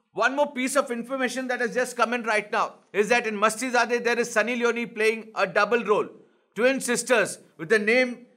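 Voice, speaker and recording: A man's voice: high-pitched, bright, forceful tone. A man with an Indian accent playing a pompous, self-important male news anchor who keeps calling his guests "sir" in a comedic spoof interview. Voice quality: pompous, formal. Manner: repeats "sir" constantly, lectures guests.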